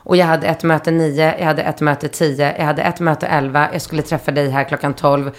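A woman in her thirties, a podcast host telling a story in lively casual chat and acting out the people in it. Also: deep voice. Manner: animated storyteller, acts out quotes loudly.

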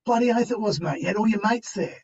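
A man's voice: sits high, lively intonation, fast, a little mellow, recorded from a distance, lo-fi sound. A middle-aged Australian man chatting as a podcast guest, telling stories and giving encouragement in an emphatic, slangy, blokey way. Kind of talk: animated interview storytelling and motivational chat.

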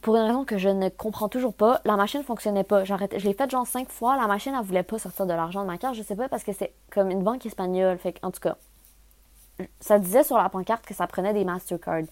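A woman's voice: mid-range voice, fast talker, dry recording. Young québécoise woman, casual storytelling, english words mixed in, dry close sound. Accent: Québécois French. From Quebec, Canada. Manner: animated, mixes in English words. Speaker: travel podcaster.

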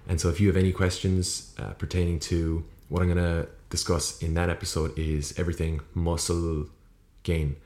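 An Irish man with a very low voice talks solo as a podcast host. His intonation stays flat while he rambles casually, corrects himself and swears offhand. The room around him sounds echoey, with poor acoustics. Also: normal speed, few pauses. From Ireland. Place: small room, indoors. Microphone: USB podcast microphone.

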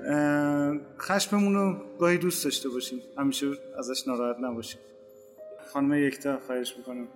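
A man telling a personal anecdote in a round-table podcast, relaxed, with many hesitant fillers. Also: mid-range voice, long reverb tail, faint music behind. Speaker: podcast guest.

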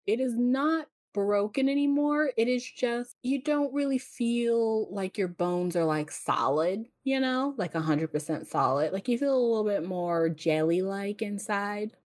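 A woman narrating a tabletop game as game master, in a casual, quick way with fillers. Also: mid-range voice, lively intonation, a little mellow, dry recording, clean studio sound.

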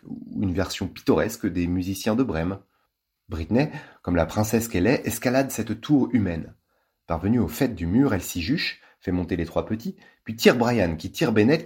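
A man reads a children's novel aloud with playful, lively expression. His voice is on the low side and slightly husky. His pitch moves widely as he tells the story. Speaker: storybook reader.

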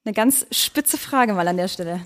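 A woman's voice: medium pitch, lively intonation, moderate pace. A woman who hosts and moderates a podcast panel, politely posing pointed questions to guests. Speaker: host and moderator.

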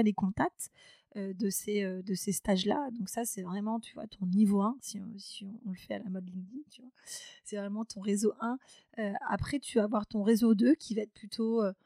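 A woman in her thirties, a company founder appearing as a podcast guest, speaks casually in a warm, medium-pitched voice. The sound is clean studio audio with no echo, and her interview talk is full of hesitations and restarts.

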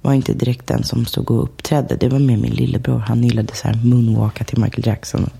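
A woman telling stories of her childhood in a relaxed interview, chatty, laughing often and full of fillers. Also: very deep voice, vocal fry, breathy edge. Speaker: guest. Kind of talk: casual interview chat.

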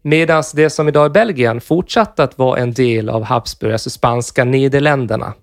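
A man's voice: mid-range voice, no room sound, studio quality. Man casually explaining history. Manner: explanatory, relaxed, swears casually. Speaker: podcast co-host explaining history. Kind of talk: casual podcast chat.

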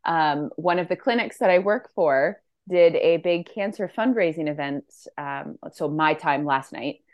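A woman's voice: sits low, measured pace, no room sound, dull audio. A bubbly woman on a grainy video call, a dietitian chatting as a guest while short on sleep. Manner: bubbly, laughs often. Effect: grainy video-call audio. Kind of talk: casual chat.

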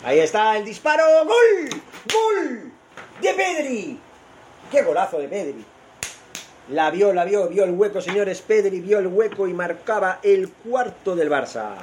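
A man with an accent from Spain doing excited live football goal commentary, shouting goals and repeating his exclamations. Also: high voice, a little slow, a little hiss or hum. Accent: Spanish from Spain. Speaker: football commentator on an online radio stream.

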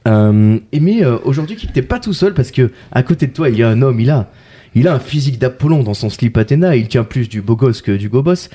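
A man's voice: medium pitch, animated, brisk, warm tone, breathy edge. Punning man hosting a podcast. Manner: playful, full of puns and wordplay. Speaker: podcast host. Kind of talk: casual chat.

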